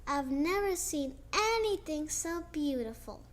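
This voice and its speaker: A young girl with a high voice reads a picture book aloud slowly. She tells the story expressively and adds chatty asides along the way.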